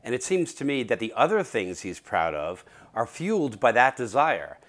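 Man hosting a podcast, calm outro. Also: medium pitch, normal speed. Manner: laughs often, ends with a playful spoken rap. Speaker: podcast host. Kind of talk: interview podcast with scripted outro.

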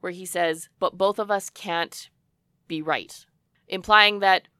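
Casting: woman, casual book-talk co-host, husky smoker-like rasp, congested, close dry sound. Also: lowish voice, fairly even intonation, slow, pushed and bright, no room sound. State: congested sinuses, cough-prone from smoky air. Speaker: podcast co-host.

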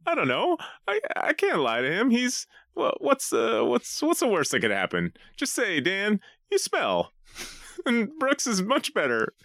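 A man putting on a high, dim-witted voice to play a goofy, slow-witted adult man. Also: wildly swooping pitch, vocal fry, a bit bright, no echo, clean studio sound, full character voice. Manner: high, strained, dim-sounding delivery.

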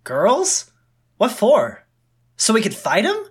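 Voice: mid-range voice, wildly swooping pitch, takes it slowly, breathy edge, heavily acted. A woman voicing Billy, a timid, earnest boy of about nine, in a table read of a screenplay. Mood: puzzled.

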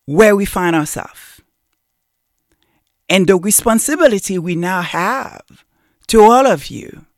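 A show host speaks in an emotional, heartfelt monologue with the rising cadence of a preacher. The delivery is slow and unhurried. The sound is dry and close. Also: mid-range voice, expressive, no echo.

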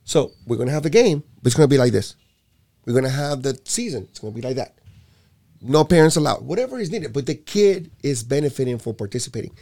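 Speaking fast at a medium pitch, this man from Puerto Rico chats casually about the youth basketball program he runs. His delivery is lively and emphatic, and he repeats words often.

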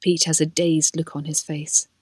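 A woman's voice: sits low, little pitch movement, normal speed, darkish tone, slightly rough, dry recording. A woman narrating, reading screenplay stage directions.

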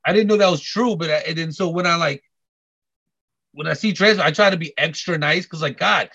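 A man chatting casually on a podcast, halting with many restarts and repeated words. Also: on the high side, pushed and bright. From Korean heritage. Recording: dull lo-fi audio.

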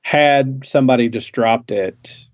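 A man co-hosting a TV review podcast, speaking in a measured, thoughtful way. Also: mid-range voice, no room sound. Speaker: podcast co-host. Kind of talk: casual TV review chat. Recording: dry, dull lo-fi mic.

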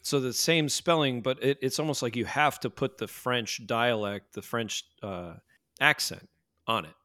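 A man's voice: mid-range voice, unhurried, pushed and bright, dry recording, studio quality. An American man hosting a casual podcast chat, joking and steering the talk. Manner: joking, leads the conversation. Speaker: podcast host.

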